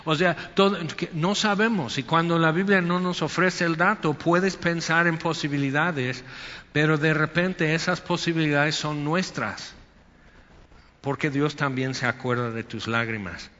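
A man's voice: fairly high pitch, fairly even intonation, measured pace, sharp tone, long reverb tail, dull audio. A male pastor preaching a Sunday sermon in a conversational way, acting out quotes and asides.

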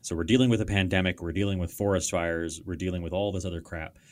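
A man's voice: low voice, steady tone, fast, darkish tone. A Canadian man co-hosting a podcast, explaining politics in casual chat with a sarcastic edge. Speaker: podcast co-host.

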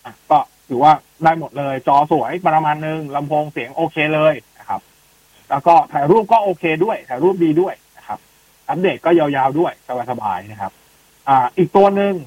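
Chatty man with a husky voice. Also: on the high side, lively intonation, moderate pace, a little mellow, no echo, lo-fi sound. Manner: chatty, explains phone specs with many fillers. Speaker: tech podcast co-host answering listener questions. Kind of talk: casual chat.

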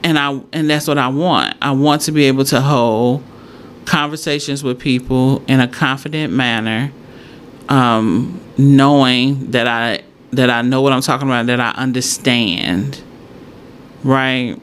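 A woman's voice: a bass voice, fairly even intonation, a little slow. A woman chatting casually to followers as a host, thinking aloud and repeating her points for emphasis. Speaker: solo host. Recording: clear background noise, room ambience.

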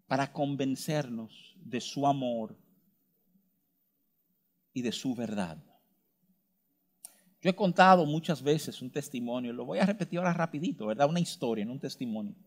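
A man with a fairly high voice preaching a sermon. He talks with emphasis and keeps checking in with rhetorical tag questions. He rushes through quick asides, then slows to lean on single words. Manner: shifts between fast asides and slow, stressed words.

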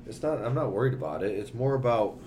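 A man's voice: on the low side, expressive, fast talker, darkish tone. A man in his forties chatting casually, loose and profane, often trailing off and restarting. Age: 40s. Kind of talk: casual chat. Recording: roomy with background noise.

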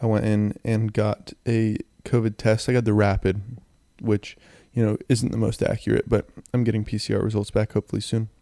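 A young man with a phlegmy, sick throat rambles in a low-key way as he hosts a casual solo podcast into a close handheld mic. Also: flat delivery, a little fast, vocal fry, hardly any pauses, warm tone, dry recording. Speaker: podcast host. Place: in bed, indoors. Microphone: handheld mic and audio recorder, close.

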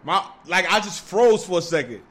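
High-voiced young man, slangy and profane. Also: moderate pace. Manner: profane, rambling street slang with many fillers; animated, breaks into laughter. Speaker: storyteller. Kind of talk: casual chat.

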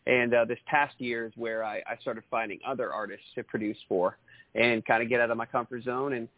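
A man from Maine chats as a singer-songwriter guest, relaxed and friendly. His mid-pitched voice is dry and thin, as if heard over a phone line. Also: fairly quick, no echo. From Maine, USA. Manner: friendly, laughing easily, relaxed. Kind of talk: casual interview answers.

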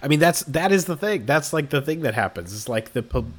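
A man's voice: on the high side, big pitch swings, a little fast. A man co-hosting a casual chat, reacting expressively with groans and sighs as he talks through a TV episode. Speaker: podcast co-host.

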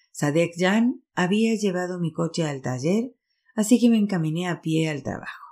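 A woman's voice: on the low side, mellow. A woman narrating a novel in the first person, reading steadily.

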